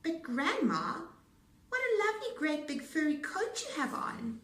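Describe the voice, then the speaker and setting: Woman as self-assured little girl, high pitch, singsong, very polite, storybook read-aloud, echoey room. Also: big pitch swings, unhurried, exaggerated voice. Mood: wide-eyed. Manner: bright, singsong, exaggerated politeness. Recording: roomy echo, distant mic.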